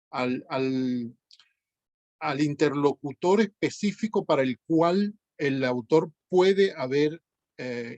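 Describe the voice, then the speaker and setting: A man's voice: on the high side, a little mellow, no room sound. A man lecturing his class over a video call, explaining step by step with many fillers and self-corrections. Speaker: teacher.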